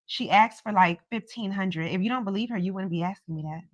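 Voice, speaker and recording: A woman's voice: medium pitch, fairly quick, no room sound, muffled recording. An American woman hosting a live call-in tarot show, chatting casually in a folksy, encouraging way and speaking straight to her listeners. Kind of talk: casual live-stream chat with callers.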